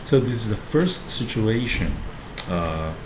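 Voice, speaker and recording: Echoey, low-voiced male professor giving a lecture. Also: big pitch swings, slow pace. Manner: explanatory, frequent tag questions to students. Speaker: university lecturer teaching a Shakespeare class. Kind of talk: professor's lecture, explaining a play text. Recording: roomy echo with clear background noise.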